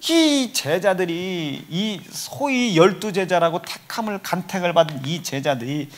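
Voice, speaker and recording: A man's voice: high-pitched, lively intonation, a little slow. A man preaching a sermon in a church sanctuary, acting out biblical figures with comic voices, dropping to whispers and rising to outbursts. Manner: acts out disciples in dialect, shifts between whispers and loud outbursts. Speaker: pastor.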